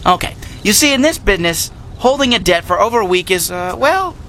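An actor playing a slick, falsely friendly teenage hustler with a smarmy manner in an audio drama. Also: male voice, high voice, very animated, fairly quick, sharp tone, slight background noise, heavily acted. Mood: veiled menace. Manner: smarmy, casually menacing.

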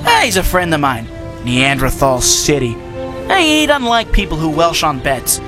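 An actor playing a slick, falsely friendly teenage hustler with a smarmy manner in an audio drama. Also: male voice, fairly high pitch, huge pitch swings, moderate pace, over music. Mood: veiled menace. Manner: smarmy, casually menacing.

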